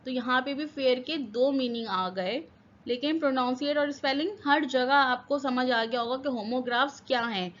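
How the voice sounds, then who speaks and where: High-voiced woman teaching English words. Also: moderate pace, a bit bright, highs cut off. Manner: spells words letter by letter and repeats their meanings; asks the class questions and answers them herself. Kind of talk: vocabulary lesson.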